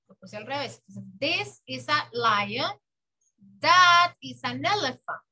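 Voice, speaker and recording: A woman teaching English to children, patiently drilling words slowly and clearly in a bilingual lesson. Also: high voice, bright, forceful tone, low-quality recording. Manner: patient, exaggerated slow pronunciation for children. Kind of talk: bilingual classroom lesson, slow drilled repetition.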